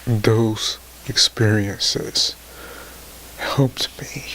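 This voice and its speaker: A man in his forties speaking emotionally to his viewers, halting and tearful, his voice sometimes sinking to a near whisper. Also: lowish voice, fairly even intonation, fairly bright tone. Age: 40s. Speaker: motivational vlogger. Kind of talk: emotional personal talk to camera.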